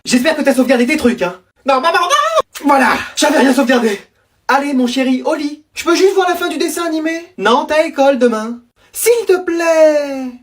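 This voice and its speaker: Woman voicing a whole family sketch. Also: far from the mic. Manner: quick switches between character voices, squeaky highs and low grumbles. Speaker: comedy sketch creator. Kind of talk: comedic family sketch, playing every role herself.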